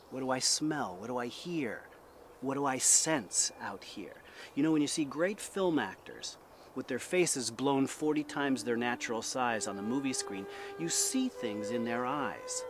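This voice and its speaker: A man teaching acting like a drama teacher, speaking in an emphatic, deliberate way and posing rhetorical questions as he lectures. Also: medium pitch, background noise.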